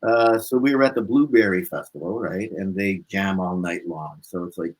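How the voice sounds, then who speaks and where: This low male voice, at a moderate pace and with poor audio, belongs to a blues musician appearing as an interview guest. He casually recounts personal stories with animation, acts out dialogue, and punctuates phrases with "right?".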